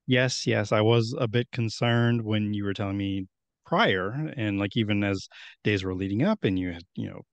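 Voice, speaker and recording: Low-voiced man casually hosting a podcast. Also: normal speed, dry recording. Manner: rambling, friendly, with many restarts. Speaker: podcast host.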